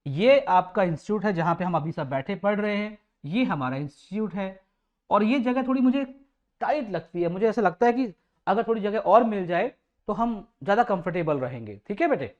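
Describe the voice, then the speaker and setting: Warm-mannered male coaching teacher. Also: sits high, expressive, normal speed, muffled recording. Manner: affectionate, calls students "beta", repeats points, quizzes the class. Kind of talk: classroom lecture. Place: coaching classroom.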